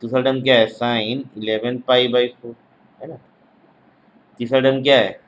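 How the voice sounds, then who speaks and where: A man's voice: mid-range voice, level tone, a little slow, muffled recording, slight background noise. A male mathematics teacher giving an exam-prep lecture, repeating each phrase as if dictating and checking in with short tag questions.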